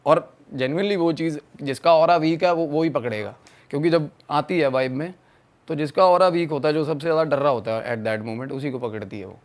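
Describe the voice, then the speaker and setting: Animated young man telling a spooky story. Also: on the high side, normal speed. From Punjab. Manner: animated, acts out friends' quotes. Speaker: podcast guest storyteller. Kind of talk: casual storytelling chat.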